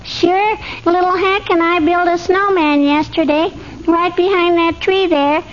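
A woman's voice: very high voice, steady tone, measured pace. A woman playing an innocent, eager little girl in old-time radio comedy. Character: chirpy, innocent little girl next door. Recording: dull, faintly noisy radio recording.

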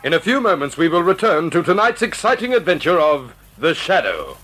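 A man's voice: fairly high pitch, big pitch swings, a little fast. Old radio announcer guy, formal and dramatic, blaring music under him. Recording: vintage radio, loud music behind.

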